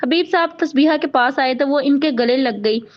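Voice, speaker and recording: A woman narrating a romance novel in a steady, even storybook reading. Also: sits high, normal speed. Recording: dull lo-fi audio.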